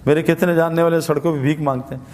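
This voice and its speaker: A man's voice: on the high side, steady tone, darkish tone, big-room sound. A man giving a religious talk, telling stories and acting out quotes, repeating words for emphasis. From Pakistan. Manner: storytelling with acted quotes and repetition. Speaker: preacher.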